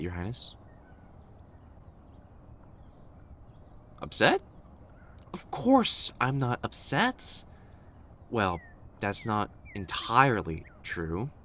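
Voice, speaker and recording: A man playing a devoted, fussing servant to royalty in an audio roleplay, speaking in a deferential, fretful, halting way. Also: on the low side, bright, forceful tone, exaggerated voice. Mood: distressed urging.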